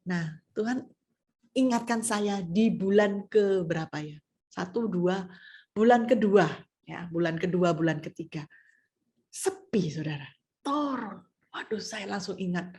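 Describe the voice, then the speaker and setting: A middle-aged woman with a Surabaya Indonesian accent, preaching a personal testimony sermon, moving between soft asides and raised exhortation. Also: medium pitch, expressive, a little slow, long pauses.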